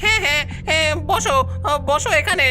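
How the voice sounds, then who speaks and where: A woman's voice: high voice, moderate pace, sharp tone, soft background music. A woman voicing a fussy, puzzled husband in a cartoon, hesitating and asking again and again. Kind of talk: cartoon voice acting.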